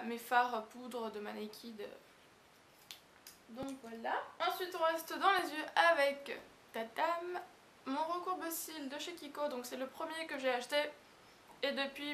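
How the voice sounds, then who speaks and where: High-voiced chatty woman beauty vlogger. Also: fairly bright tone. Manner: chatty, rambling, hesitant. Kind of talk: casual product review. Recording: echoey room with hiss.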